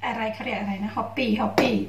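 A woman's voice: fairly high pitch, steady tone, quick pace, noisy background. A middle-aged woman from Thailand chatting playfully and casually as she narrates a home cooking vlog. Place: small home kitchen, indoors.

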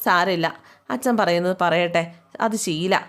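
A woman's voice: fairly low pitch, a bit bright, soft background music. A woman voicing a young wife who is caring, a bit bossy and teasing. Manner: brisk, teasing, giving instructions.

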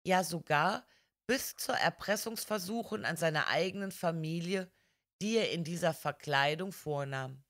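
In a crime audiobook, a woman with a fairly low voice plays a polite, gentle male priest detective who explains things calmly.

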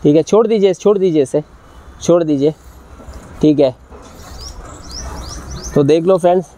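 A man with a fairly high voice hosts a casual video tour of a goat farm outdoors. He talks in a lively, teasing way, full of cheerful exclamations. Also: moderate pace, slight background noise. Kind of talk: casual on-location farm chat.

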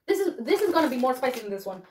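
A giggly young woman chats through a snack taste test, exclaiming as she goes. Her voice sits a little high. The mic is some way off, with faint hiss behind her. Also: big pitch swings, racing, darkish tone. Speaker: vlogger. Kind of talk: casual taste-test chat. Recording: distant mic with faint noise.

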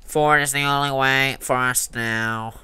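A man's voice: mid-range voice, steady tone, a little slow, background noise, close to an everyday voice. A man voicing a grim male explorer captain reading his log aloud in a pinched, nasal voice, holding his nose. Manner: solemn diary-reading delivery.

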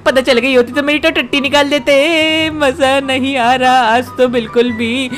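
Woman putting on a mischievous little boy, high squeaky voice, whiny, excitable, panicky cartoonish game commentary. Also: normal speed, faint music behind, lightly acted. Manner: whiny, excitable exclamations, talks to viewers. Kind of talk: gameplay commentary in character.

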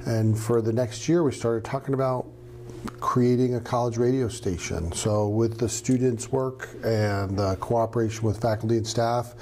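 A middle-aged man from New Hampshire, a radio professor answering interview questions in a relaxed, storytelling way with some fillers. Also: medium pitch, moderate pace, slight background noise. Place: studio with green screen.

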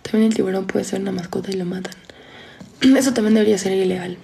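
Gravelly young Peruvian woman streamer. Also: medium pitch, steady tone, quick pace. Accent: Peruvian Spanish. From Peru. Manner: chatty, reads questions aloud and drops into quiet asides. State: tired. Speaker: live streamer. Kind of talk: casual chat answering viewer questions.

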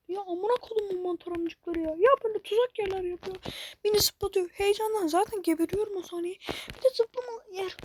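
A woman with a very high voice talks through a game as she plays it. She gets frustrated and swears at it often. A faint hiss and some clicking sit behind her voice. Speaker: gamer. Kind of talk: casual gameplay commentary.

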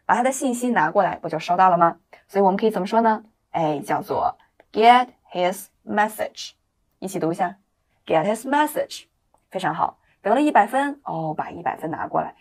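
A woman teaching English in a video lesson, explaining with encouragement and reading example sentences slowly and clearly for learners to repeat. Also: mid-range voice. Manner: explains in lively, encouraging classroom talk.

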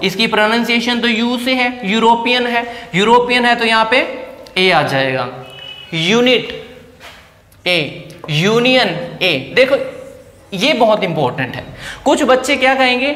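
A man's voice: very high-pitched, lively intonation, normal speed, pushed and bright. A male teacher explaining an English lesson in a classroom, talking step by step and asking the class rhetorical questions. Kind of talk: classroom lecture. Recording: echoey room with long reverb.

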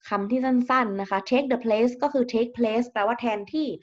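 A woman's voice: on the high side, a little slow, highs cut off. A woman teacher giving a recorded grammar lesson, explaining English terms and often repeating words.

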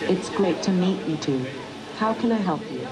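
A synthetic text-to-speech voice of a humanoid care robot, female-sounding, speaking in an even, formal, politely scripted way. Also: on the low side, moderate pace, vocal fry, a loud crowd, low-quality recording.

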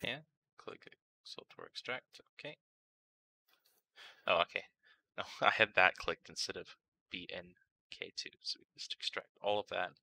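This tutorial host walks through software at an unhurried pace, pausing often as he muses out loud. He's a man with a low, gravel-edged voice that still rings bright and forceful, sounding like an easygoing guide covering each step.

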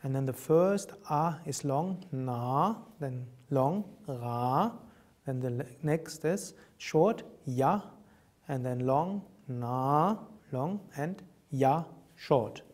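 Slow, calm man teaching a mantra. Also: fairly high pitch. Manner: slow, calm, measured explanation with chanted repetitions. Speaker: yoga teacher. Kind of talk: mantra instruction.

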